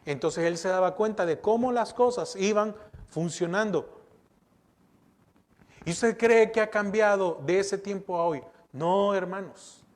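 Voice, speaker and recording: A middle-aged male pastor preaching with a fairly high voice. He puts questions to the congregation and answers them himself, stressing his points with repeated words. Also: measured pace. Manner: emphatic, repeats words and restarts. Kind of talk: sermon.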